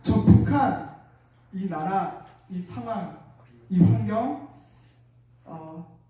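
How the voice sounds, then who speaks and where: A man's voice: high-pitched, lively intonation, extremely slow, mellow, recorded from a distance. A young man giving a fervent, prayerful revival testimony in a large church. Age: young adult. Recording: echoey church hall from afar.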